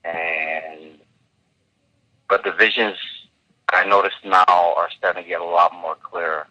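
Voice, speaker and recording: A man's voice: low voice, fairly even intonation, unhurried, bright, forceful tone. A man calling in and talking casually, in an easygoing, reflective way. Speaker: caller. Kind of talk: casual chat on a phone call. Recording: dull phone-line audio.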